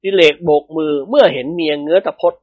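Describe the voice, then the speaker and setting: A woman narrating a humorous novel as an audiobook in a lively storytelling manner. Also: low-pitched, fast talker, husky, no echo, phone-quality sound.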